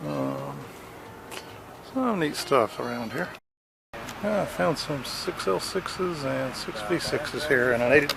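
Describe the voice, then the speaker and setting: A man vlogging on a camera mic as he walks an outdoor fairground flea market, halting and full of fillers, keen about his finds. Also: mid-range voice, creaky, background noise. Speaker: vlogger at a hamfest. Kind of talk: casual walkaround vlog.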